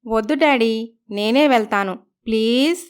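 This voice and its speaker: A woman's voice: on the high side, a little slow, clear, resonant tone, natural voice. A woman voicing a troubled young married daughter in a cartoon story, apologetic and evasive. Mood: evasive, gentle.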